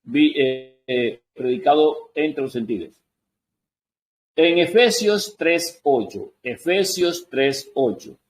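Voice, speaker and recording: A man's voice: a little high, expressive, takes it slowly, rough recording. A man giving a Bible study lesson, reading verses aloud and answering his own questions. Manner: adjusts on-screen text while talking. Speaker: Bible teacher.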